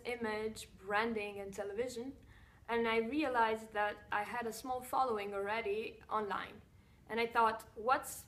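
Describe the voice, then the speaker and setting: Speaking at an ordinary middle pitch, a young Swiss blogger and TV presenter from the Italian-speaking region, whose first languages are Italian and Russian, answers fan questions straight to camera. She is seated in a chair in a bright room with a wooden floor, the camera a few feet away. Composed and measured, she pauses now and then with fillers to find a word, her phrasing slightly non-native.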